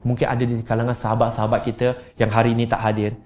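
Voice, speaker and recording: A man with a Malaysian accent giving a religious lecture, animated and mixing in English phrases. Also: medium pitch, rapid-fire. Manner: animated, mixes in English phrases, acts out dialogues. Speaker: preacher.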